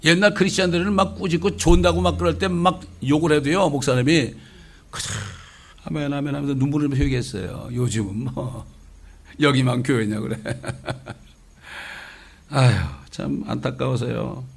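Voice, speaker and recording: A middle-aged man preaching a conversational sermon as a pastor, lively and full of rhetorical questions. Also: mid-range voice, moderate pace, creaky, husky. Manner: lively, asks rhetorical questions, acts out quotes.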